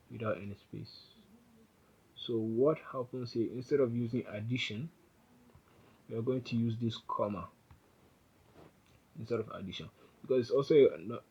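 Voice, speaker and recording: Heard through a muffled recording, a programming instructor's mid-range, husky, darkish voice rambles through an informal screen-captured coding tutorial. He keeps correcting himself as he types.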